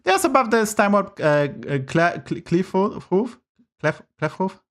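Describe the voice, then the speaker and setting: Sing-song and sitting high, this fairly bright voice keeps a measured pace. Its owner, a native Polish speaker with a Polish accent, streams a game from home with blunt, casual, expletive-filled commentary and rants over bugs.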